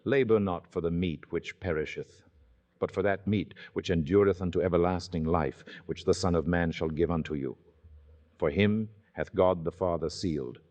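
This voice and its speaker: Reading scripture in the grand manner of old-time radio, this man sounds solemn and declamatory. His deep voice is a little mellow and moves at normal speed, and the highs are cut off.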